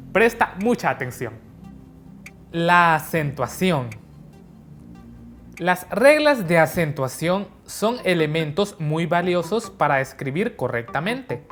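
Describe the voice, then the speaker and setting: A woman narrating a scripted lesson, explaining each point slowly and carefully. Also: low-pitched. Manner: slow, carefully spelled-out teaching. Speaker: teacher. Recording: soft background music.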